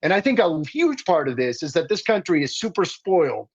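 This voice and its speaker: A man's voice: fairly high pitch, sing-song, brisk, husky, muffled recording. A man raised in the Dominican Republic, a guest activist speaking passionately and insistently in a political talk. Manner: impassioned, insistent, building emphasis.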